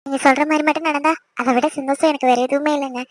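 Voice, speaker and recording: A woman's voice: sits high, fairly even intonation, very fast, natural voice. A woman voicing a shy, playful young newlywed wife who speaks coyly and affectionately. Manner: coy, affectionate, sweetly protesting. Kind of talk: cartoon voice acting.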